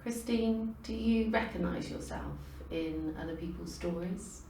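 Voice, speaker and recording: An actress playing a detached research interviewer who questions a test subject in a formal, measured way. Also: female voice, medium pitch, a little mellow, natural voice. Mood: clinical. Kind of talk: scripted clinical interview. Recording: roomy, distant mic, faint noise.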